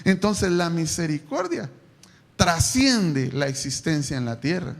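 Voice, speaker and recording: A man preaching a sermon to his congregation, animated, asking them questions and bursting into shouts. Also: fairly high pitch, unhurried, creaky. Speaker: pastor. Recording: echoey church hall, live stream.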